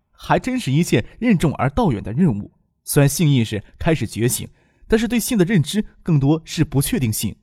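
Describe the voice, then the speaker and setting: A man narrating a novel as an audiobook narrator, with expressive storytelling. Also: medium pitch, no room sound, clean studio sound.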